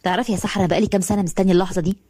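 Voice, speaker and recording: A tender, pleading young man in love, voiced by a female narrator in her own voice. Egyptian Arabic lilt, warm and breathy, delivered quickly. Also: mid-range voice, fairly even intonation, no room sound, close to an everyday voice. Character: young rich man, tender and earnest suitor.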